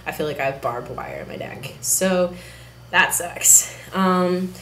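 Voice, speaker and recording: A young man talking candidly to camera in a casual video diary, unhurried and soft-spoken. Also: high voice, sing-song. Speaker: vlogger. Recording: roomy with faint background hiss.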